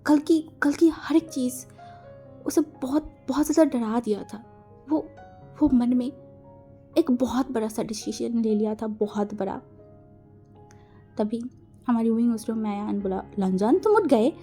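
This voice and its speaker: Female storyteller, expressive and dramatic, mellow tone. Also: on the high side, a little slow, pauses often, faint music behind. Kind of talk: fan fiction narration.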